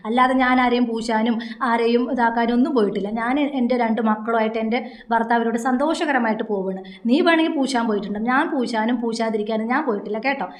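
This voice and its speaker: A woman's voice: a little high, fast talker. A woman vlogger giving a direct-to-camera rebuttal into a phone, scolding a rival and firing off rhetorical questions. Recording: echoey room.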